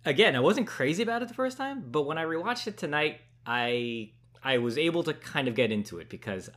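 A man's voice: fairly high pitch, lively intonation, fairly quick, fairly bright tone. A man co-hosting a podcast, giving a casual film review in a thoughtful way and often restarting his sentences. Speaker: podcast co-host.

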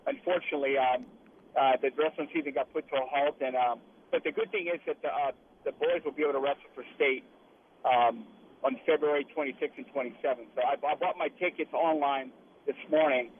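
A man's voice: mid-range voice, steady tone, fairly quick. Man on a tinny phone line from truck cab. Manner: speaking from inside a truck cab while riding. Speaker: guest, liquor brand representative. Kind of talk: casual radio interview by phone. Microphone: phone call. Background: truck cab noise.

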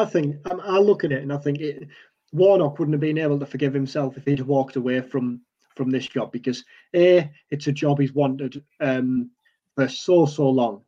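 A man's voice: medium pitch, steady tone, moderate pace, warm tone, highs cut off. A man with a Teesside accent chatting casually as a football podcast panellist. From Teesside, England. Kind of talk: casual chat.

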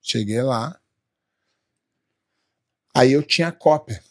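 A man's voice: medium pitch, slow pace, dry recording, studio quality. A Brazilian man with a Brazilian Portuguese accent, co-hosting a casual talk show and telling a wry, laid-back story. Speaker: podcast co-host.

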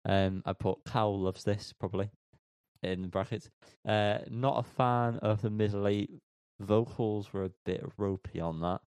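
A man's voice: on the low side, steady tone, measured pace, a little mellow, clear, resonant tone, dry recording. A man co-hosting a music podcast, joking around and tripping over band names. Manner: jokey, laughing, stumbles over names. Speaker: podcast co-host reviewing music. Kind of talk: casual chat.

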